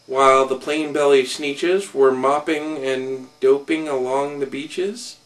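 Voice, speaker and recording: A man slowly reading a rhyming children's story aloud in a rhythmic way, a little off-mic. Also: mid-range voice, steady tone, distant mic. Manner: slow, rhythmic rhyme reading.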